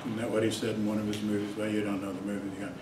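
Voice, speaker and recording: A man races through an informal psychology lecture in a lecture hall, chatting to his students and slipping into asides. His voice is fairly low with a flat delivery. The recording has a roomy sound, a distant mic, and faint hiss.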